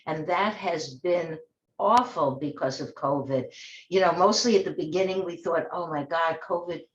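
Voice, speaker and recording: A woman's voice: fairly low pitch, moderate pace, reverberant, highs cut off. A woman hosting an online talk show, speaking in a rambling, conversational monologue with frequent restarts. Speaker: host. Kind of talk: casual monologue.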